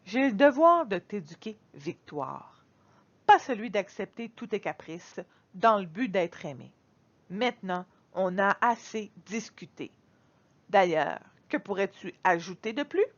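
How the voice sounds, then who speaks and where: A woman reading a storybook aloud and voicing a calm, firm father who speaks in a steady, measured way. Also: high-pitched, muffled recording, full character voice.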